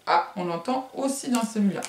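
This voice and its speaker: A woman's voice: a little high, expressive, moderate pace, noisy background. A woman kindergarten teacher giving a remote phonics lesson to young children, sounding words out syllable by syllable and encouraging them. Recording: roomy echo.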